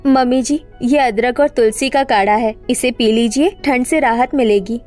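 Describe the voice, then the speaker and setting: A woman voicing a caring, gentle young daughter-in-law in a cartoon story, speaking in a coaxing way. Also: on the high side, moderate pace, soft background music, close to an everyday voice. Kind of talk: cartoon voice acting.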